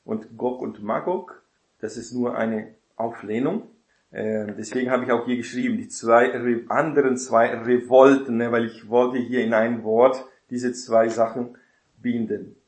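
A man teaching a Bible study in a casual lecture style, often adding a quick tag question to check that listeners follow. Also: medium pitch, steady tone, a little mellow, reverberant.

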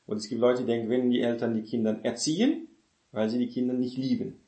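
A man preaches in a loose, talky way, ending many sentences with a questioning "ne?" and correcting himself as he goes. His voice sits at an ordinary middle pitch. The sound rings around a roomy, echoing space. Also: fast talker, mellow. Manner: rambling, tags sentences with "ne?"; self-correcting, searches for words. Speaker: preacher teaching on parenting. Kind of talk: informal sermon.

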